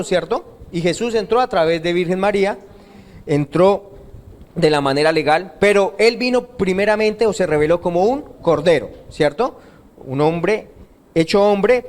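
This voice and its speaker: A man preaching a sermon in church, constantly asking the congregation questions and answering them himself. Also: high voice. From Colombia. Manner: call-and-response questioning of the congregation. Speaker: pastor. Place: church service.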